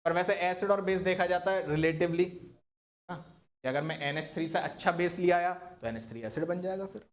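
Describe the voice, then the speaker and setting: Chatty chemistry teacher quizzing students. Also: male voice, high-pitched, fairly quick. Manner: questioning, coaxing students to answer. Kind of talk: classroom lecture.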